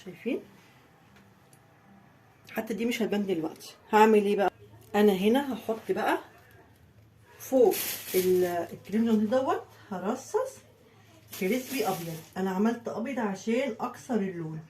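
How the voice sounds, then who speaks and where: Egyptian woman home baker, mid-pitched, chatty step-by-step cake tutorial, faint noise behind. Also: lively intonation, normal speed, pauses often, warm tone. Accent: Egyptian Arabic. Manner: chatty, talks viewers through each step. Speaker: home baking vlogger. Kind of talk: casual cake-decorating tutorial.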